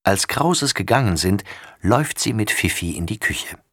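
A man reading a children's story aloud with lively, expressive narration. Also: lowish voice, moderate pace, no room sound, studio quality.

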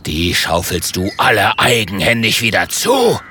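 A man voicing a huge, bossy dragon uncle in a children's storybook, with a slow, booming growl. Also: huge pitch swings, pushed and bright, a little hiss or hum, heavily acted. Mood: gruff bossy.

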